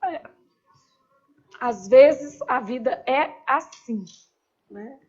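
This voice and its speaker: A woman's voice: high-pitched, very slow, a little mellow, slightly rough, lo-fi sound. A woman teaching a grammar class in a casual, chatty way, with joking asides and constant "né?" tags.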